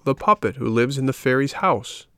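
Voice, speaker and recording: A man's voice: medium pitch, animated, moderate pace, bright, forceful tone, clear, resonant tone, no echo, studio quality, voice pushed up. A man reading a storybook aloud and voicing an impatient, cold, pleading wooden boy puppet.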